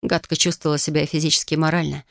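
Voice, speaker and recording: A woman's voice: deep voice, level tone, racing, creaky, no echo, clean studio sound. A woman narrating a first-person audiobook in an emotional, dramatic reading style.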